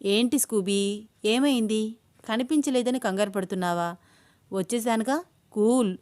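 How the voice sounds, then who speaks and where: A woman voicing a calm, caring young man in a spoken storybook. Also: fairly high pitch, normal speed, no room sound, natural voice. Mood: soothing.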